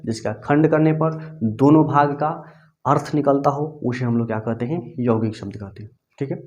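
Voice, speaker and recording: A man gives a grammar lesson in an even, mid-pitched voice, the way a teacher talks at the board. He poses a question, then answers it himself, and spells out definitions slowly so they can be copied down. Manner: repeats questions to students and answers them himself; dictates slowly for note-taking.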